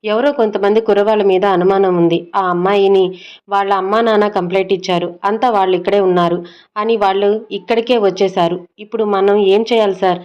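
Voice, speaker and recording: A woman's voice: mid-range voice, fairly even intonation, a little fast, lo-fi sound, lightly acted. A woman voicing a worried young male helper in an audio story, speaking with urgency. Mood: urgent.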